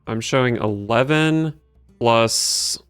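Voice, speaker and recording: Smooth-voiced man, dry gameplay commentary. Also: medium pitch, slow, fairly bright tone, no room sound. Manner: dry, muttering strategy aloud, sardonic. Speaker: game streamer. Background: game music.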